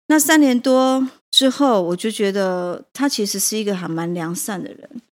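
A woman's voice: medium pitch, normal speed. A woman, a prison teacher and café owner, telling a personal story with emotion and hesitant restarts.

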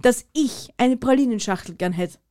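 A woman's voice: on the high side, moderate pace, dark tone. A woman co-hosting a casual comedy podcast, playful and teasing, laughing a lot. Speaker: podcast co-host.

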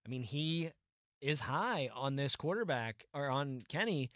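A man co-hosting a casual sports podcast, talking in an animated, opinionated way with quick asides. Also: medium pitch, no room sound, clean studio sound. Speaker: podcast co-host.

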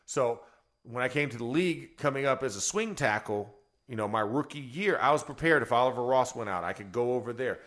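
A man's voice: medium pitch, expressive, fairly quick, fairly bright tone. A man who is a former offensive lineman, co-hosting a sports radio show in a rambling, chuckling way. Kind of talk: casual sports talk.

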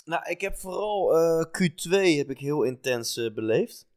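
A man co-hosting a podcast in relaxed, casual chat, pausing often with fillers. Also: fairly high pitch, no room sound. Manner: relaxed, hesitant with many fillers. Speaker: podcast co-host. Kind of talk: casual chat about motor racing.

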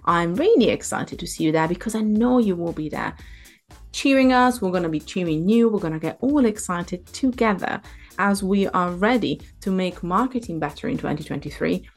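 A woman from Italy, hosting a marketing podcast in an enthusiastic, chatty way. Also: lowish voice. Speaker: podcast host. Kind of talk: upbeat podcast introduction.

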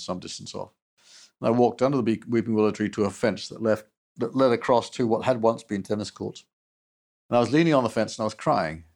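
Older man. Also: on the low side. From United States. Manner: halting, with restarts and soft trailing endings. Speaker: interview guest. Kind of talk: reflective personal recollection.

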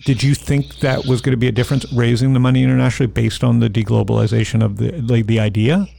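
A man's voice: medium pitch, flat delivery, fast talker, vocal fry, mellow, a little hiss or hum. A man interviewing in a casual, opinionated way, often repeating short phrases. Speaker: interviewer and investor.

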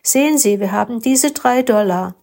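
A woman reading a storybook, voicing an excited nine-year-old boy who looks after his little brother. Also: on the high side, moderate pace, vocal fry. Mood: earnest. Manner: eager, shouting.

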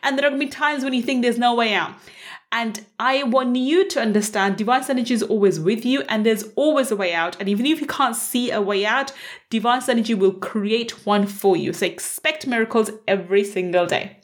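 A woman with a croaky, slightly hoarse voice, hosting a motivational podcast in an earnest, emphatic way and repeating key phrases. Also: a little high, a little fast. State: croaky voice, not as clear as usual. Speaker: podcast host and mindset mentor.

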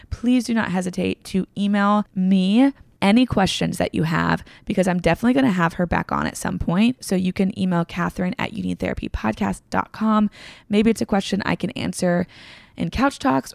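A woman's voice: lowish voice, vocal fry, darkish tone, dry recording. A woman hosting a podcast, chatting casually and gushing, with lots of filler words. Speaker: podcast host. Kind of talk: casual podcast intro and interview. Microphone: remote call recording.

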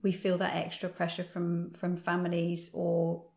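Woman host talking low and flat, lots of room echo. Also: unhurried, vocal fry. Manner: warm, affirming, thinks aloud. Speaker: podcast host. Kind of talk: casual chat. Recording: echoey room.

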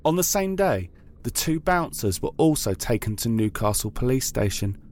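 A man's voice: medium pitch, darkish tone, a little hiss or hum. A man reading scripted true-crime narration in a formal, factual manner.

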